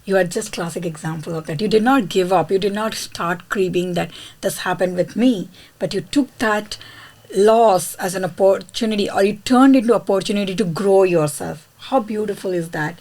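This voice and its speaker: Podcast host, woman, medium pitch, effusive and encouraging. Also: moderate pace, a little mellow. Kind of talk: podcast interview hosting.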